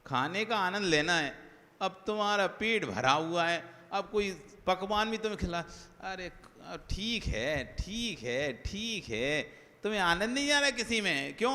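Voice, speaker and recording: Jain monk preacher, man, fairly high voice, chatty sermon, long hall reverb. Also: pushed and bright. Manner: conversational, repetitive listing, rhetorical questions.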